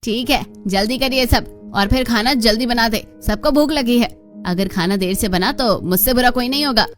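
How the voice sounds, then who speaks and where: A woman voicing a bossy, harsh middle-aged aunt in a cartoon, scolding and shouting insults. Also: a little high, moderate pace, soft background music, close to an everyday voice. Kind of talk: cartoon voice acting.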